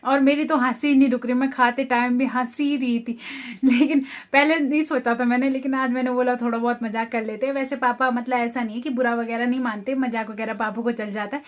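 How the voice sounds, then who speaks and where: High-voiced young woman vlogging. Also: fairly even intonation, brisk, narrow, tinny audio. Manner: calls out loudly to animals outdoors; hushed low voice while sneaking. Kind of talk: casual vlog narration.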